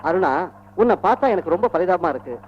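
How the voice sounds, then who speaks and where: A cocky young policeman, teasing in a raised voice and a rapid patter. He sounds smug and sure of himself. It comes through a dull, muffled old film soundtrack. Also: high voice, lively intonation. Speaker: film actor. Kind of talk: 1980s film dialogue.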